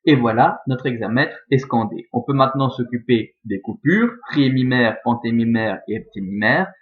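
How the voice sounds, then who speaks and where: A man's voice: medium pitch, animated, normal speed, narrow, tinny audio. A man teaching a lesson, methodically walking through the scansion of a verse step by step. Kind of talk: scanning Latin verse in a recorded lesson.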